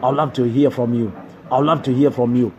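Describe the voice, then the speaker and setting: A man's voice: mid-range voice, steady tone, fairly quick, dark tone, muffled recording, slight background noise. A man hosting a live football talk stream indoors, repeating his questions and calling on viewers to reply. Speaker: sports show host. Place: indoors in a building.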